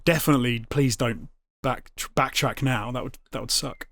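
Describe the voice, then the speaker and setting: A man's voice: mid-range voice, fairly even intonation, moderate pace, creaky, a bit bright, no room sound. A young adult man co-hosting a casual gaming chat, talking hesitantly with lots of ums and restarts. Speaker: podcast co-host.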